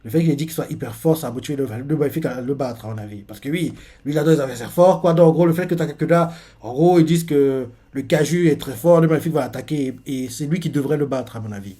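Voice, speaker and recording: A man's voice: on the high side, fast talker, warm tone, husky. A man casually recapping a manga chapter, rambling with lots of fillers and repeated words. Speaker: manga reaction youtuber.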